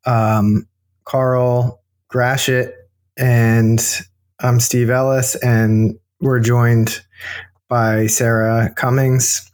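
A man co-hosting a podcast in casual conversation, speaking in a hesitant, halting way. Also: medium pitch, flat delivery, a little mellow. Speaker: podcast co-host. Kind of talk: casual chat. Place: unfurnished kitchen and dining area.

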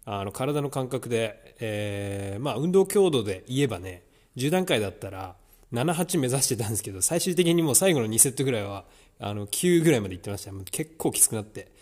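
A man's voice: medium pitch, sing-song, fairly quick, a little mellow, no echo, clean studio sound. A man talking casually to a vlog about his training, thinking aloud in a reflective, conversational way. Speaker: vlogger.

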